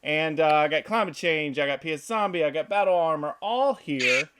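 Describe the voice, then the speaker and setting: A man's voice: fairly high pitch, lively intonation, normal speed, background noise. A man hosting a tabletop game stream, chatting casually and joking with upbeat energy. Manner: upbeat, jokey, makes silly noises. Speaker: host.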